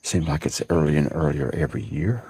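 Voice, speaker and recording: Man, 40s, live-stream co-host: low, raspy, mellow, close and dry. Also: brisk, no room sound. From central Alabama. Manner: calm, thanking viewers. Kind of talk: casual chat on a live stream. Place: outdoors on a home porch at dawn.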